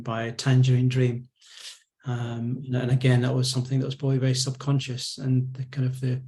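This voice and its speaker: Scottish musician guest, 50s, steady and unhurried, little pitch movement, webcam interview from home studio. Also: male voice. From Scotland. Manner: relaxed, reflective, many ums and restarts. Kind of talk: casual interview chat. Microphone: video call.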